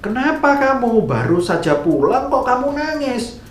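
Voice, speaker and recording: A man's voice: very high-pitched, sing-song, moderate pace, voice pushed up. A man voicing a mother who questions and coaxes her son. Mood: questioning. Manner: questioning, coaxing. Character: scolding but caring mother. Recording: echoey room.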